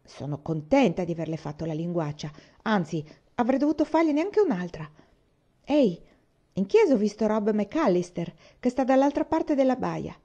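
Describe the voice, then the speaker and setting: A woman's voice: mid-range voice, sing-song, normal speed, lo-fi sound. A woman voicing a brash, blunt orphan girl who talks back defiantly. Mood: cheeky. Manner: blunt and defiant, loud outbursts.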